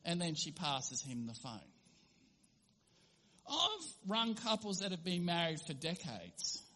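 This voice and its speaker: Bright-voiced male pastor preaching in a reverberant hall. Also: on the high side, very animated, takes it slowly. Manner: earnest, acts out little scenes in voices. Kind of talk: sermon.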